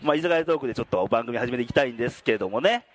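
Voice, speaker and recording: A man's voice: medium pitch, very fast. A man hosting a casual podcast recorded in a busy izakaya, asking questions and laughing along, with an Ehime accent. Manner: lively, laughing, leading questions. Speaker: podcast host. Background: pub chatter.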